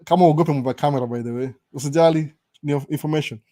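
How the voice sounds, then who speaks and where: A young man with a Kenyan accent talks quickly on a casual live stream, now and then tripping over his words and starting again. His voice is dark and mellow, pitched a little high for a man. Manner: mixes Swahili and English, stammers and restarts. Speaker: host.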